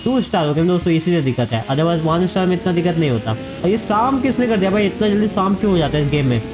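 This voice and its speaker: Chatty high-voiced man narrating gameplay. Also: lively intonation, fast talker. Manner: chatty, addresses viewers as friends. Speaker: gaming YouTuber. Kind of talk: casual let's-play commentary.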